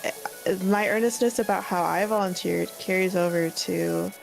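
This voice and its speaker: A woman's voice: lowish voice, steady tone, normal speed, vocal fry, faint music behind, low-quality recording. A young woman co-streamer chatting casually, earnest and rambling with many filler likes.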